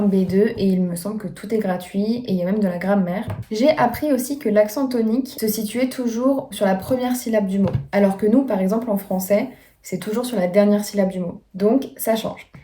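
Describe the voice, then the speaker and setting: A woman in her twenties chatting casually in a vlog, sounding out foreign words slowly as she learns them. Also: medium pitch, mellow. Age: 20s. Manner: tries out foreign words slowly, sometimes under her breath. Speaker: vlogger learning a language.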